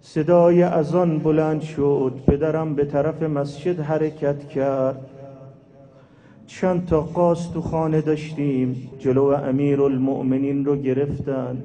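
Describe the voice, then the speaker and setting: Dark-voiced preacher chanting a lament. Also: male voice, fairly high pitch, level tone. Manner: slips from narration into a sung, wailing chant. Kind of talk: mourning sermon with chanted lament. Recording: dull lo-fi recording, faint music behind.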